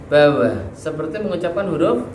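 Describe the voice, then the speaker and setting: A man's voice: a little high, big pitch swings, moderate pace. A man teaching a Quran recitation class, patiently explaining letter articulation, asking students questions and demonstrating sounds. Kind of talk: tahsin lesson on letter articulation. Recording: echoey room, background noise.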